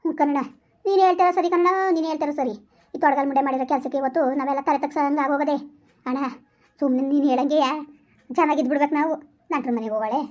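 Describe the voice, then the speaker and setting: A woman's voice: sits high, fast talker, lightly acted. Woman playing a wailing village mother. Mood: resigned. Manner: loud lamenting and scolding. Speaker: comedy skit actor. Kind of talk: village comedy skit. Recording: dull lo-fi recording.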